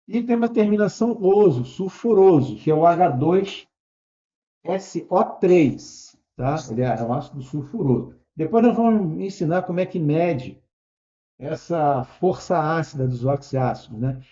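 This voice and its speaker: A man giving an explanatory online lesson as a chemistry teacher. He talks patiently, checks in often with tag questions and corrects himself out loud. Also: fairly high pitch, expressive, a little slow. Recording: dull lo-fi recording.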